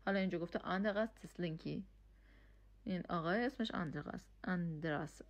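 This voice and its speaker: A woman, teaching German in a casual lesson and explaining each phrase step by step. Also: fairly low pitch. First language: Persian. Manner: explains step by step, checks in with "okay?".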